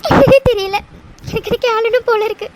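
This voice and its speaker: A woman voicing an emotional young woman in a cartoon love story, halting and tearful as she thanks her fiancé. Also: extremely high pitch, a little hiss or hum. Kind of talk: cartoon voice acting.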